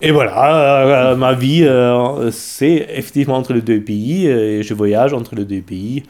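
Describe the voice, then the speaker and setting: A middle-aged man from Austria, a native German speaker with an Austrian accent, answering interview questions in a halting way with many pauses. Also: medium pitch, darkish tone. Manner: hesitant, halting, frequent fillers and light laughs. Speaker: guest. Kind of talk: casual interview.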